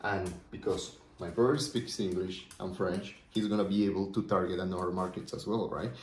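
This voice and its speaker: This deep-voiced Colombian man speaks at a moderate pace with fairly even intonation and a darkish tone, over slight background noise and a roomy echo. A native Spanish speaker with a Colombian accent and a small business owner vlogger, he rambles casually about his business plans, often checking in with "right?"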